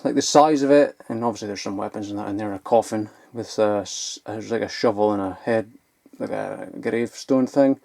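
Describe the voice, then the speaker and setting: With a lowish, gravelly, darkish voice and no echo, a young man presents old toys from his home loft. It's an informal vlog, an enthusiastic show-and-tell peppered with swearing.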